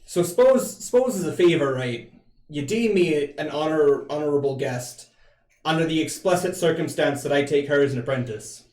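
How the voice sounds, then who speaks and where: A man voicing a gruff old seafaring navy captain who haggles persuasively in a tabletop role-play. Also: on the high side, lively intonation, normal speed, a little mellow, close to an everyday voice. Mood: haggling, persuasive. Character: old sea-dog navy captain, wheeling and dealing. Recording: roomy echo.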